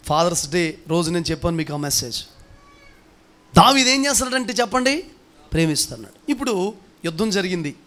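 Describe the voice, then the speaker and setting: A pastor preaching a sermon in a notably high voice for a man. He presses his listeners with one rhetorical question after another and calls on them to answer aloud. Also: sing-song, brisk, long pauses, a bit bright. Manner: emphatic, fires rhetorical questions, calls the congregation to respond.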